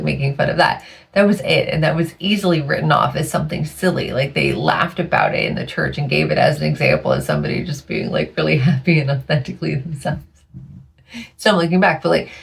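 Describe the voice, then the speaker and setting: A woman's voice: low voice, vocal fry. A woman hosting her own podcast in a casual monologue, chatty and tired, laughing often and losing her voice. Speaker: podcast host.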